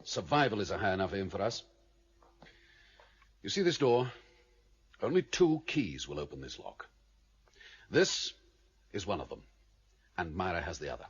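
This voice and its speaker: The same kind of criminal leader, grave and formal, commands in a husky, heavily acted, sing-song voice whose pitch ranges widely for drama. He moves at a moderate pace with frequent pauses, stern and sombre in mood, and the radio-play recording is slightly dull and boxy.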